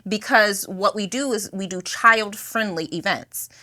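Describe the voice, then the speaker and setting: A middle-aged woman speaks as a podcast guest with a bright, forward voice. She talks in an animated, conversational way, often ending her points with "right?". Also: medium pitch, unhurried. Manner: animated, tags statements with "right?". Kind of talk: conversational interview.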